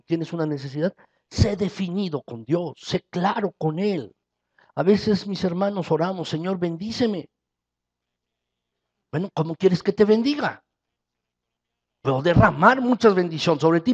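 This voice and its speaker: Male pastor, Mexican Spanish accent, preaching with rising emphasis, higher voice, dull muffled sound. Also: expressive, normal speed, husky. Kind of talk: sermon.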